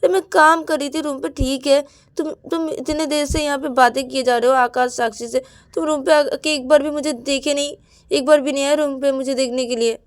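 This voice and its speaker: A woman's voice: a little high, fairly even intonation, normal speed, smooth, voice pushed up, natural voice. A woman voicing a young woman, sulky and jealous, complaining in a whiny, pouty way. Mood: hurt.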